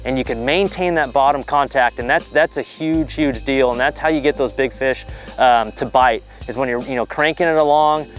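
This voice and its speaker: Out on a boat, a medium-pitched man in his thirties, a professional bass fisherman, walks viewers through some relaxed fishing tips. His tone is warmly enthusiastic, and "you know" pops up again and again.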